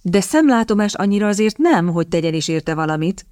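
A woman voicing a quick-witted young woman who speaks in a cutting, impatient way. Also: fairly low pitch, sing-song, a little mellow, dry recording, studio quality. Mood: tart.

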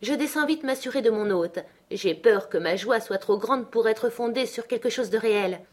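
A woman reading an audiobook and voicing an impulsive, passionate young lady of the manor who speaks in breathless, excited outbursts. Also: a little high, moderate pace, voice pushed up, lightly acted. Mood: coaxing.

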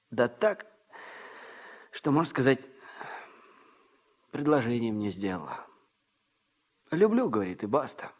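Playing a smug, wandering ladies' man and odd-job worker for Soviet radio, this actor speaks at medium pitch with a husky, colloquial delivery. The performance is heavily acted and has a boastful mood.

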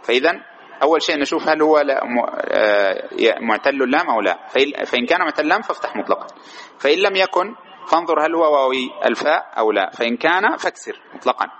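A man's voice: on the high side, lively intonation, quick pace, a bit bright, lo-fi sound, a little hiss or hum. A man teaching Arabic grammar to a class. He asks students questions, repeats their answers and stretches key words.

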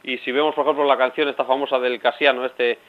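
Fast-talking man explaining on local radio. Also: medium pitch, flat delivery. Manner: explanatory, rambling with restarts. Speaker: radio guest. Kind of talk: radio interview. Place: radio studio. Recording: dull lo-fi radio audio.

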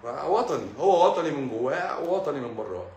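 A man's voice: fairly high pitch, animated, brisk, a little mellow, reverberant, slight background noise. A man with an Egyptian accent, a doctor talking casually to his audience in a sarcastic, mocking way, full of rhetorical questions. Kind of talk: casual live monologue.

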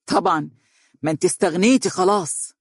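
A man's voice: high voice, brisk, slightly rough, no echo, clean studio sound. A man playing a jealous, mocking Egyptian engineer. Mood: resentful. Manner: resentful, mocking. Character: jealous, angry male engineer, adult. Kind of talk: audiobook character reading.

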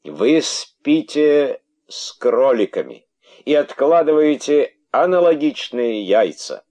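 A man reading aloud as an old, pompous python king who declaims his outrage loudly and theatrically. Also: sits high, extremely slow, smooth, pitched above the performer's own voice. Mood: indignant ranting.

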